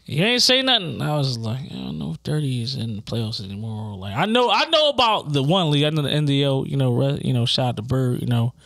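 Animated rambling man, bright voice. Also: medium pitch, quick pace, vocal fry, few pauses, no echo, studio quality. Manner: animated, rambling with many "like" fillers. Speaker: podcast co-host. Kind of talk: casual chat among friends.

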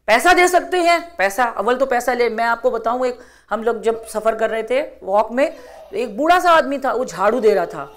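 A woman's voice: fairly high pitch, animated. A middle-aged woman giving an earnest religious talk to a women's gathering, exhorting and repeating phrases for emphasis.

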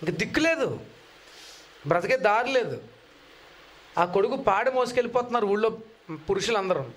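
A man preaching a sermon, retelling Bible stories in an animated way and acting out the voices he quotes. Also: sits high, moderate pace. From India.

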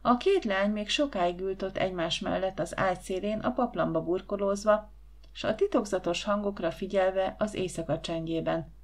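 A woman reading a storybook aloud as an audiobook narrator. Her telling is gentle and even, in a mid-pitched voice.

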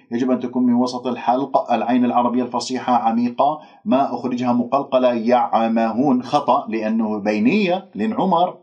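A man gives a pronunciation lesson in Quran recitation. He draws out example words at length, then explains the rules at a quick pace. The recording sounds dull and lo-fi. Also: mid-range voice, a little mellow. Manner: drawn-out demonstration words between brisk explanations.

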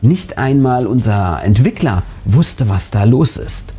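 Speaking in a mellow, medium-pitched voice, this male narrator and channel host takes his time but stays animated as he reads a first-person horror script with suspenseful flair. Background music runs under his voice.

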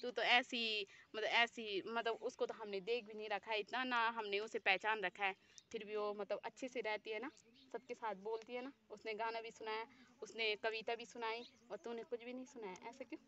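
A woman's voice: fairly high pitch, fairly even intonation, normal speed, pushed and bright, dull audio. A woman vlogger chatting with children outdoors, teasing and scolding them in a friendly way. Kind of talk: casual chat. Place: outdoors in a hill village.

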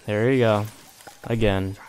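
A young man with a stuffy nose from being sick, quietly commenting on his own gameplay in slangy, casual talk under his breath. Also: lowish voice, steady tone, measured pace, a little hiss or hum. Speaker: gameplay streamer. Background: game music.

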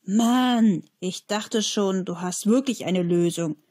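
A woman's voice: medium pitch, slow, mellow. A woman voicing a sulky, mocking boy who grumbles and teases in a children's story. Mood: annoyed. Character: older boy, mocking bully, sulky and gruff.

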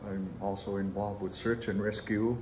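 A man's voice: on the low side, level tone, moderate pace, darkish tone. A man in his forties from Nunavut with an Inuit accent, answering interview questions conversationally. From Arviat, Nunavut, Canada. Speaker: mayor and interviewee. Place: indoor council chamber. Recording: roomy echo, background noise.

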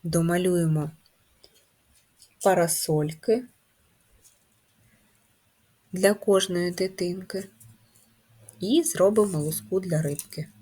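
Slow, patient woman teaching first graders. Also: lowish voice, warm tone. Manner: slow, clear, instructive dictation. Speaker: primary school teacher. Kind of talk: first-grade writing lesson.

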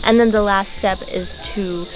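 A woman's voice: mid-range voice, steady tone, normal speed. Woman, travel vlogger, casual chat, enthusiastic, outdoor camera audio, insects and hiss behind. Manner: enthusiastic, explains facts. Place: outdoors at a wildlife sanctuary.

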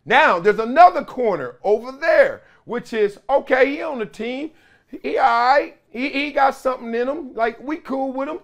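Lively middle-aged man riffing on sports. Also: very high-pitched, normal speed. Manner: storytelling, acts out quotes, gestures broadly. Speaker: sports commentary host. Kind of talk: animated sports commentary. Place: small studio room with sports memorabilia.

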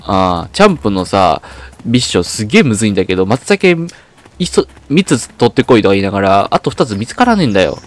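A man's voice: lowish voice, big pitch swings, quick pace. Chatty man playing a game. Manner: chatty, reads game dialogue aloud and mutters to himself. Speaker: game streamer. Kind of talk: casual gameplay commentary.

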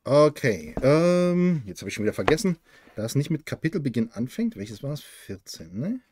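A man's voice: mid-range voice, big pitch swings, moderate pace, darkish tone, slight background noise. A man co-hosting a livestream, reading a novel aloud with small stumbles and self-corrections.

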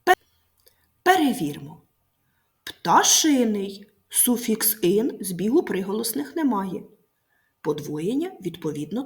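A woman teacher giving a recorded grammar lesson to pupils, speaking clearly and slowly, stressing each word. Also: mid-range voice.

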